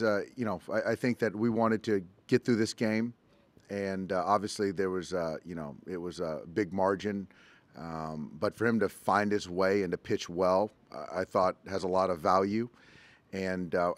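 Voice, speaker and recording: A middle-aged man, a baseball manager, answering postgame press conference questions in a measured, halting way with many ums, at a table mic. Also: sits low, steady tone, a bit bright, no room sound. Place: press conference room, indoors. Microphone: table mic in front.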